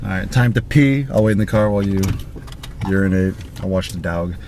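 A man's voice: deep voice, fairly quick. A man in his thirties vlogging casually to a handheld camera, joking and crude. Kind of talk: casual vlog chat. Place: car, shops and rental home. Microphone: handheld action camera. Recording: loud background noise.

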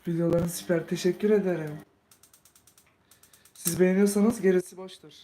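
A man from Turkey hosting a casual live stream, chatting with viewers, greeting them warmly and reading comments while he cooks. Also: high voice, fairly even intonation, normal speed. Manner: talks while cooking.

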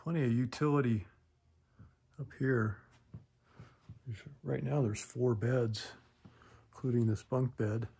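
Slow, gravelly and warm with a breathy edge, a man's medium-pitched voice holds a steady tone and leaves long pauses. Walking indoors through a wooden townhome as a real estate agent, he narrates the property by listing features in short, clipped phrases.

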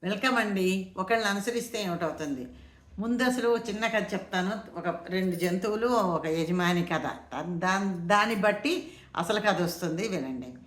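A woman's voice: mid-range voice, moderate pace. A woman telling folk tales in a chatty oral style, speaking straight to her listeners. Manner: chatty, addresses listeners directly. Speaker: storyteller. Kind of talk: casual oral storytelling. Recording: echoey room.

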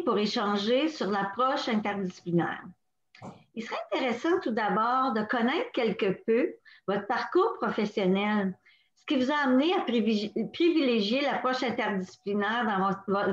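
Sixties woman moderator, slightly high, roomy and lo-fi. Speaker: interviewer. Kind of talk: interview moderation. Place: home study. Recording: roomy, muffled webcam audio.

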